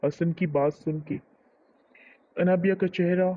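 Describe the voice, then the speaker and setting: Male narrator for a novel channel: calm, steady storytelling, fairly high voice, muffled lo-fi audio. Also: a little slow. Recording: muffled lo-fi recording.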